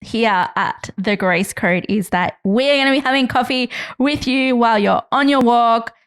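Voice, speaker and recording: A woman's voice: fairly high pitch, moderate pace, smooth. A woman hosting a podcast over a video call, bubbly and giggly as she chats with her guest. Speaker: podcast host. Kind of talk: casual interview chat.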